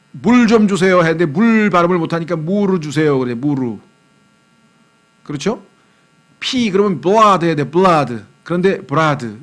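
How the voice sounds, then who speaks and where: Male pastor, fairly high voice, chatty sermon delivery with playful accent mimicry, faint mains hum on the recording. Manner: conversational, jokey, mimics foreign accents. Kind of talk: expository Bible sermon. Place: church.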